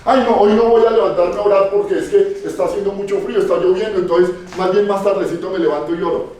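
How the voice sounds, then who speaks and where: A man's voice: sits high, fairly even intonation, fast, a little mellow, distant mic, a little hiss or hum, close to an everyday voice. A man voicing a lazy, excuse-making churchgoer in a whiny, complaining way, in a very echoey hall.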